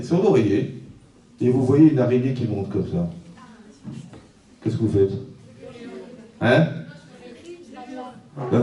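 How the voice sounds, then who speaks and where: A man, a rabbi leading a class, lively and questioning. His voice is very dark and mellow. He sounds set back from the microphone in a roomy, echoing classroom. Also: fairly low pitch, distant mic. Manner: animated, asks his listeners rhetorical questions and acts out little scenes. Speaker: rabbi teaching a class for girls. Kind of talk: religious class lecture. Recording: echoey room, voice from off-mic.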